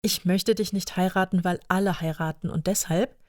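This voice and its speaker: A woman's voice: lowish voice, fairly even intonation, normal speed, darkish tone, dry recording, clean studio sound, lightly acted. A woman voicing a playful, affectionate husband who speaks in a teasing, theatrical way.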